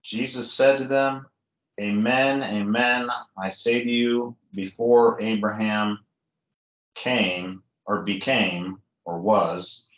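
Slow man reading from across a room. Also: lowish voice, fairly even intonation, a bit bright, echoey room, dull audio. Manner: slow, careful reading of Greek with a translation.

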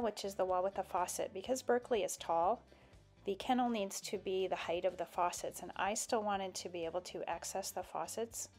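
A woman's voice: mid-range voice, darkish tone. A woman narrating a step-by-step build tutorial in a plain, explanatory voice-over.

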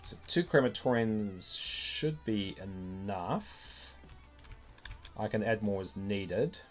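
A man's voice: lowish voice, expressive, slow, soft background music. A middle-aged man with a broad New Zealand accent, rambling and thinking aloud as he gives casual gameplay commentary on a stream. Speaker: game streamer. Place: indoor room at a desk.

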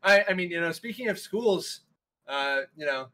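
Bright-voiced, upbeat male esports caster. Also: sits high, moderate pace, poor audio. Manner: energetic, rambling with many fillers. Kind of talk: live esports commentary.

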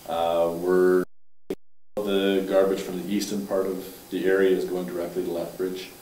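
A male town councillor reporting at a council meeting, talking in a halting, matter-of-fact way with many restarts. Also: low voice, little pitch movement, mellow. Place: council chamber, indoors. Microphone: far room mic. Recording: echoey room, distant mic, faint hiss.

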